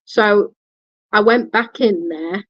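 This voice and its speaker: Slow-talking woman telling a story. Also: mid-range voice, dry recording. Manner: blunt, swears freely. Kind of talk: casual storytelling. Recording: dull lo-fi recording.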